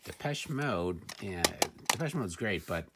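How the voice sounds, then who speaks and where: Showing off thrift finds at a table indoors at home, a middle-aged man talks casually and off the cuff, muttering dry, wry asides. He speaks a little slowly in a lowish voice with lively intonation, captured on a noisy home recording with handling clicks.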